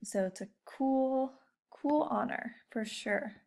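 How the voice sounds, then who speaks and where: High-voiced and slow, with a slightly mellow quality, this young teacher guides children through a read-aloud lesson. Her talk is relaxed and encouraging, and she frequently puts questions straight to them.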